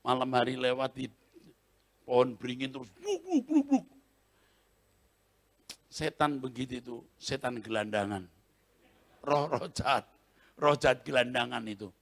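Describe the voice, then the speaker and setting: A male pastor preaching a sermon with animated storytelling, often laughing and acting out scenes, in a convention hall. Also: medium pitch, measured pace, pauses often. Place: large convention hall, Christmas service.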